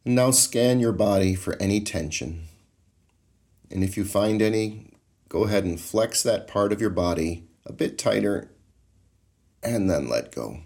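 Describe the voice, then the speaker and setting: Man, very low voice, unhurried, calm meditation guide. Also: creaky. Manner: calm, slow, measured, soothing.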